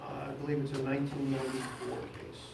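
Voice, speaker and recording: A man presiding as judge in a courtroom, speaking in a brisk, firm, procedural manner. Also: mid-range voice, monotone, vocal fry. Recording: echoey courtroom from far off, noisy.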